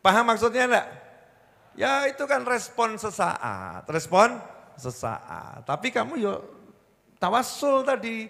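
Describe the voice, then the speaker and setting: Javanese male preacher, slightly high and gravelly, playful storyteller, echoing hall. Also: wildly swooping pitch, slow, sharp tone. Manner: jokey, acts out little scenes, slips into Javanese. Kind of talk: lively religious talk to a congregation. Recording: long hall reverb.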